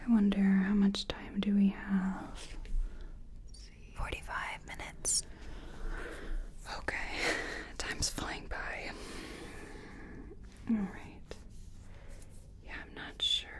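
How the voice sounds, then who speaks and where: In a soft-spoken ASMR roleplay, a woman plays a gentle, nervous makeup artist, breathy and hesitant, often murmuring to herself. Her natural, mid-range voice is breathy and whispery.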